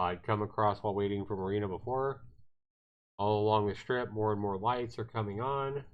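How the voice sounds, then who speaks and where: A man with a lowish voice livestreams a visual novel, casually reading the narration aloud and sometimes stumbling before correcting himself. The audio is narrow and tinny, with guitar game music playing behind him.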